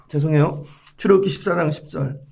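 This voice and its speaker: A middle-aged male pastor preaching a dawn sermon in a church, lively and animated, swinging between loud emphatic phrases and hushed asides, sometimes acting out quoted voices. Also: fairly high pitch, creaky. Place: church sanctuary.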